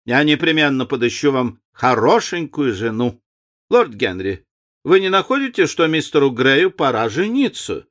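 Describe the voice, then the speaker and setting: A man's voice: medium pitch, sing-song, moderate pace, fairly bright tone, voice pushed up. A man voicing a chatty old society lady who loves matchmaking, gushing and emphatic.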